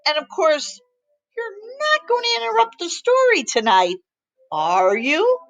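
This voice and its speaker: A woman voicing a patient, weary chicken father reading a bedtime story, lower and gently stern. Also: very animated, measured pace, exaggerated voice, poor audio. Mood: gentle.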